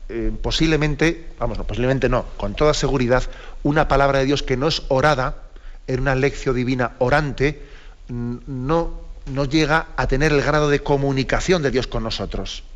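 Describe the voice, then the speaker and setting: A man, a priest giving spiritual advice on a radio call-in, speaking in a measured way and often ending phrases with a questioning "no?" or "eh?". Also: mid-range voice. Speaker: priest answering callers. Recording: slightly dull radio broadcast.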